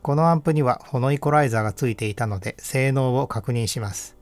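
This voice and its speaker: Calm, measured male technical narrator. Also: medium pitch, soft background music. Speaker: audio equipment reviewer. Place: voice-over.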